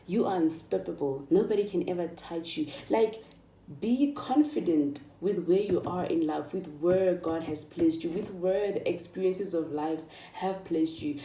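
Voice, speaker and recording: Speaking in a warm, lowish voice, this mid-twenties South African vlogger cheers on her audience in a relaxed, emphatic way, saying key phrases more than once to drive them home. The audio has an echoey room quality, picked up by a microphone placed far off.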